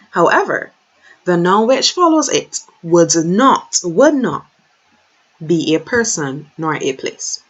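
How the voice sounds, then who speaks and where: Slow, patient woman teaching a lesson. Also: lowish voice. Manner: slow, patient, repeats words for learners. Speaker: French teacher. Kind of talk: online language lesson. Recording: slightly dull lo-fi recording.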